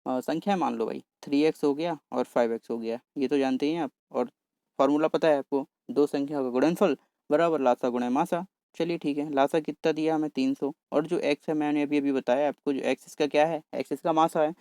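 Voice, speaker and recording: Brisk, dry-voiced male maths tutor. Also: fairly high pitch, fairly even intonation, dark tone, smooth, dry recording. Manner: brisk, talks fast on purpose to cover the paper; addresses viewers as "bhai", chatty and coaxing. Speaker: exam maths teacher. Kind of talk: solving exam paper on screen.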